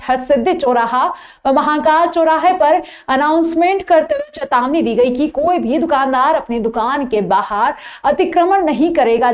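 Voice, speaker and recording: A woman anchor reading regional news reports in a formal, steady newsreader delivery. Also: high voice.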